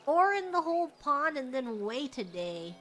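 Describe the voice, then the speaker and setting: A woman's voice: sits high, very animated, moderate pace, a bit bright, soft background music. A woman game streamer giving casual, playful gameplay commentary with theatrical reactions.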